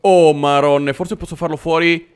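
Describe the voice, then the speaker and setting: A man, giving excitable, jokey let's-play commentary as he plays a war game. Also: fairly high pitch, normal speed, clean tone. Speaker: gaming commentator. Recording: game gunfire behind.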